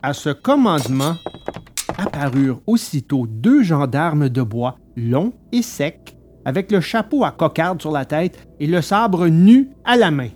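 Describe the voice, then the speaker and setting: A man narrating a storybook in an animated, expressive way. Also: fairly high pitch, a little slow, a little hiss or hum. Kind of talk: storybook reading.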